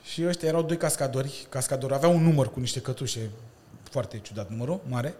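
A man in his thirties, a breakdancer and stuntman, chatting as a podcast guest and telling lively stories with slang and laughter. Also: medium pitch. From Romania. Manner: animated storytelling with slang and laughter. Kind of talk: casual chat.

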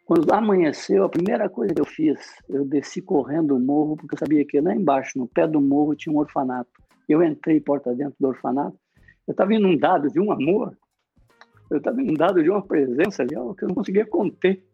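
A man giving an emotional sermon testimony, telling his story with many halting restarts. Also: a little high, creaky, husky, dry recording, highs cut off, soft background music.

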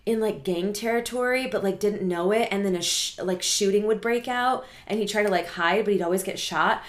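A woman's voice: mid-range voice, a little fast. A young woman in casual chat, talking loosely with many fillers and laughing easily.

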